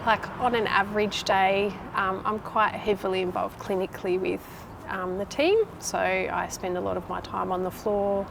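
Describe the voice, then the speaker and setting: A woman in her thirties with a Tasmanian Australian accent gives casual interview answers. Her voice has a clear creak at a middling pitch, and there is noticeable noise behind her. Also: level tone, normal speed, few pauses. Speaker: nurse unit manager.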